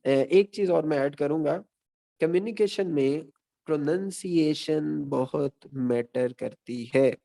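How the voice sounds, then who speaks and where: Gravelly, mellow-toned male lecturer. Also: on the high side. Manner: measured, explanatory, recaps points. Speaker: guest lecturer. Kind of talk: online teaching session.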